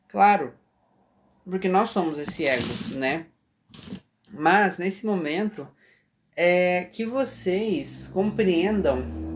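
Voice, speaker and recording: A man with a Brazilian Portuguese accent leads a relaxed spiritual lesson. He talks in an easy, conversational flow, stopping now and then to ask his listeners if they understand. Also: sits high. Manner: conversational, often asks "entende?". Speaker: spiritual teacher. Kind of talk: casual spiritual class.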